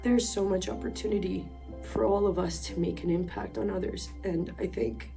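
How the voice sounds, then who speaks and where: A woman from Colombia sharing a personal faith testimony in a reflective, earnest way, with pauses. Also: medium pitch, fairly even intonation, creaky. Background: soft instrumental music.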